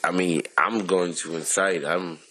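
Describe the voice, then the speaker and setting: Male co-host, very low voice, playful teasing delivery, faint background hum. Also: steady tone, pushed and bright, poor audio. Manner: joking, teasing, quick interjections. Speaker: podcast co-host. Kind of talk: casual chat about movies and sports.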